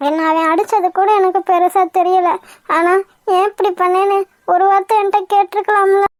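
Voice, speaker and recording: A woman's voice: extremely high pitch, little pitch movement, fairly quick, no echo, clean studio sound. A woman voicing a sulky, hurt young cartoon wife. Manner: sulky, tearful, defiant. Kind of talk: cartoon voice acting.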